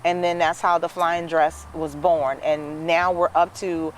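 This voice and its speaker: A woman's voice: low-pitched, steady tone, unhurried, slight background noise. A woman around fifty, chatting as an interview guest and telling her story with many "you know"s. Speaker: guest, dress business owner. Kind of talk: casual interview chat.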